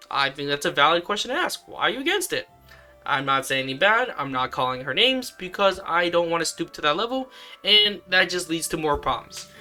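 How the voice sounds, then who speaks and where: A man with a bright, forceful voice rambles through a casual commentary vlog, full of fillers and sudden leaps up in pitch. Faint music plays underneath. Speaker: vlogger.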